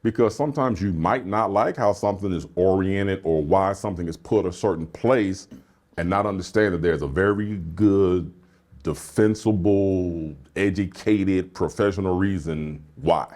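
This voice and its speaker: A man hosting a casual interview, relaxed and jokey as he asks questions. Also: low voice, moderate pace. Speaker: host.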